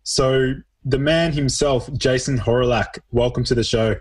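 A man's voice: mid-range voice, fairly even intonation, measured pace, husky, poor audio. A man hosting a podcast, introducing the show and interviewing a guest. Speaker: podcast host.

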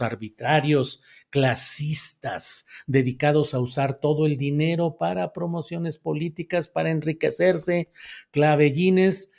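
Mexican man, gravelly voice, chatty and sardonic, casual commentary host. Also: mid-range voice, darkish tone. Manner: chatty, sardonic, drawn-out emphatic words. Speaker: host reading viewer comments.

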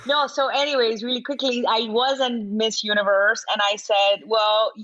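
A woman in her forties from Venezuela, a chef chatting as an interview guest, animated and laughing often, with lots of fillers. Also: fairly high pitch, moderate pace, no echo, muffled recording. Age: 40s. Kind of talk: casual interview chat.

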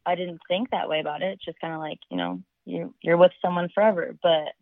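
A woman's voice: fairly low pitch, quick pace, dry recording. A woman calling in over the phone, chatting casually and hesitantly with lots of fillers. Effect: heard over the phone. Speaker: caller. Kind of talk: casual chat. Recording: dull muffled phone line.

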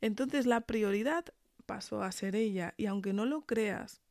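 Speaking unhurriedly in a mid-range, darkish voice, a woman with an accent from Spain gives a motivational podcast monologue, earnest and encouraging, addressed straight to the listener. She has tonsillitis, a fever, and a sore throat, and the recording is dry and studio quality.

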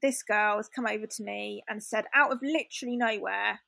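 Chatty young woman with a gravelly voice. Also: mid-range voice, steady tone, brisk, sharp tone, dry recording. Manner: candid, chatty, many fillers and restarts. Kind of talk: casual storytelling chat.

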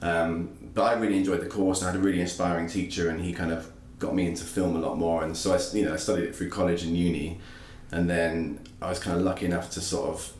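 A man's voice: low voice, fast, few pauses, slight background noise. A man in his thirties, a filmmaker, chatting casually in an interview with lots of "like" and "kind of", recorded in an echoey office room on a cheap recorder. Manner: relaxed, rambling, with many "like" and "kind of" fillers. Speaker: guest, filmmaker.

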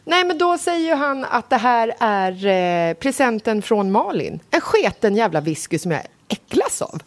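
A woman co-hosting a podcast in casual chat, dramatic and expressive as she tells a story. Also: on the high side. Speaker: podcast co-host.

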